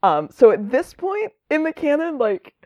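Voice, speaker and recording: Rambling, excitable woman. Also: high voice, a little slow, no room sound, studio quality. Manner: rambling, enthusiastic, lots of fillers. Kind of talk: casual chat.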